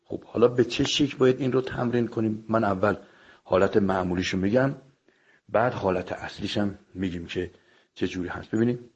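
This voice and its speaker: A man's voice: on the low side, breathy edge, muffled recording. A man teaching a voice lesson in an audio file, explaining each step in a polite, formal way. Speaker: singing and voice coach.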